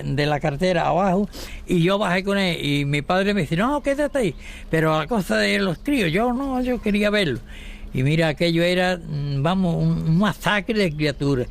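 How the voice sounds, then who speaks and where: An older man giving halting survivor testimony, often restarting his phrases. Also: high-pitched, vocal fry. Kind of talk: oral history recollection.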